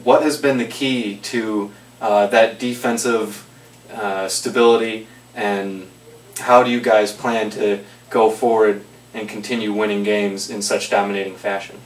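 Young male host for a team's post-game report, lowish voice, brisk questions, roomy office sound. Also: steady tone, slight background noise. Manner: brisk, scripted intro then plain questions. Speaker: host, interviewer. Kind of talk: sports interview hosting. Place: small office with trophy shelves, indoors. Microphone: handheld mic. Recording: echoey room, mic a bit far off.

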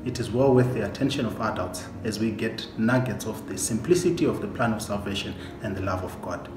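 A man's voice: fairly low pitch, a little fast, echoey room, noisy background. A man formally introducing the children's story segment of a church service. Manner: formal announcing. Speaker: church elder. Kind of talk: program announcement.

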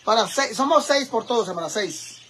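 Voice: medium pitch, animated, normal speed, fairly bright tone, slight background noise. A cook with a Mexican accent chatting with viewers during a casual cooking live stream in a home kitchen, teasing and swearing freely. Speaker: cooking vlogger.

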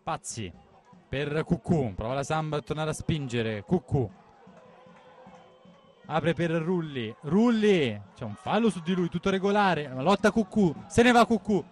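Male match commentator, higher-pitched, breathless and urgent, firing out excited play-by-play with repeated names. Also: measured pace.

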